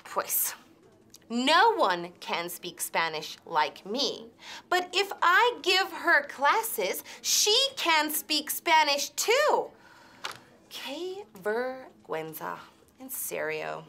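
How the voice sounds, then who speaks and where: Bright, high-voiced woman teaching English. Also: sing-song. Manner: exaggerated, mock-indignant, slow emphatic English. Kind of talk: scripted language lesson sketch. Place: TV studio.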